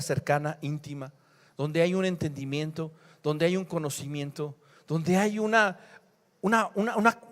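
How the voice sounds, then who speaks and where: A male pastor, preaching a sermon that swings between loud emphasis and hushed scripture reading. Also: extremely high pitch. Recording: long hall reverb.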